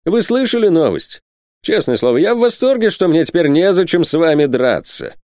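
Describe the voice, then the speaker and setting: A man voicing an excitable male French army captain in a storybook reading, exclaiming with animated delivery. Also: fairly low pitch, normal speed, smooth, no room sound, clean studio sound. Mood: elated.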